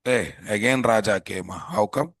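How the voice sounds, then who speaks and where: A man with a Telugu Indian accent teaching a live software class, informally thinking aloud and repeatedly putting questions to students. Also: lowish voice, unhurried, slightly rough, no echo, studio quality. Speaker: programming instructor.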